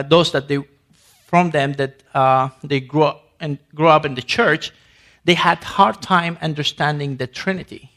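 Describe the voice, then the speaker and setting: A man's voice: on the high side, fairly bright tone. A man from Sudan giving an emphatic ministry presentation to an audience, with grammar and frequent restarts. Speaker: ministry speaker.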